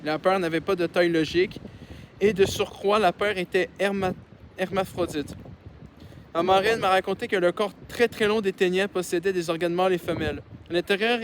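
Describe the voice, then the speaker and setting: A man reads a novel aloud in an easygoing, unpolished way, tripping on words and cutting in with sarcastic, foul-mouthed comments. His voice sits high for a man. He is outdoors, with a faint hum of outdoor ambience behind him. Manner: reads with stumbles and sarcastic, swearing asides. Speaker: audiobook reader. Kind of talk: casual audiobook reading with asides. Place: outdoors in the wind.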